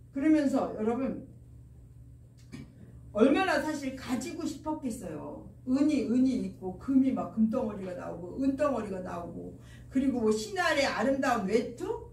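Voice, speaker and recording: Woman preacher, youth sermon, high voice, chatty, echoey church hall. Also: darkish tone. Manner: chatty, asks the listeners questions. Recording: echoey church hall, mic far off, faint noise.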